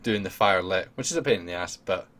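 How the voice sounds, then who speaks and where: A man hosting a casual podcast chat, jokey and quick to laugh. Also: low voice, expressive, very noisy. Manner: giggly, jokey, laughs often. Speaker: podcast host.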